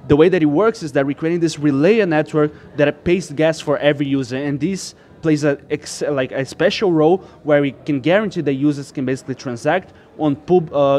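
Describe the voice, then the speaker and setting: A man from Brazil, guest in a casual tech interview, explains his startup's technology at an easy, rambling pace. His voice sits at an ordinary middle pitch. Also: a little mellow, slight background noise. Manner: explanatory, loose, full of "like" and restarts.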